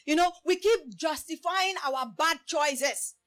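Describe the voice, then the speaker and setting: High-voiced woman preaching a sermon. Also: takes it slowly, a bit bright. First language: a language other than English. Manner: repeats "praise the Lord" and asks the listeners rhetorical questions.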